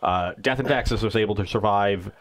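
A man with a fairly low voice co-hosts a card game match. He breaks down strategy in long, steady, analytical explanations, in a casual tone. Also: moderate pace.

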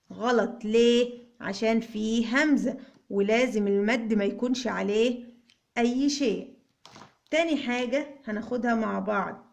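A woman's voice: a little high, fairly bright tone. A woman with an Egyptian Arabic accent teaching a patient lesson, asking questions and answering them herself. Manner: patient, asks and answers her own questions. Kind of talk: whiteboard lesson for mothers.

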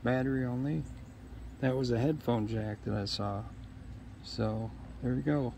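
A middle-aged man's mid-range voice comes across warm, gravelly, and steady at a measured pace. He's outdoors in a leafy yard, unboxing gear and musing to himself in short, hesitant fragments in an unscripted, casual way. Outdoor sounds fill the background.

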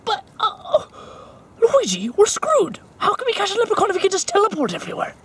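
A performer voicing an excitable, gullible male plumber toy, exclaiming dramatically and slangily in an amateur puppet skit. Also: extremely high pitch, quick pace, soft background music, exaggerated voice. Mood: frustrated.

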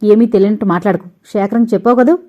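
A woman's voice: medium pitch, normal speed, mellow, highs cut off, close to an everyday voice. A woman doing a proud, stubborn young man. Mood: angry. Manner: curt, stubborn replies. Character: proud, hot-tempered young man, ex-convict.

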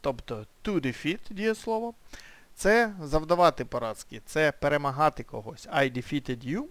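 A man's voice: fairly high pitch, lively intonation, moderate pace, a bit bright, no echo. Man explaining, dry close sound. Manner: explanatory, walks through examples step by step with fillers. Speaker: English teacher. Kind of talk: screen-share language lesson.

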